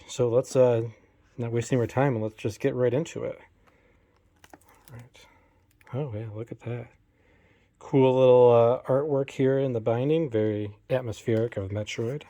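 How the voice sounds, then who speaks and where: A man's voice: medium pitch, dark tone. A man in his thirties chatting casually to camera while unboxing collectibles, full of fillers and self-deprecating jokes, filming on a handheld phone at home. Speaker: collector vlogger. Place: home game room. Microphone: phone camera held in one hand.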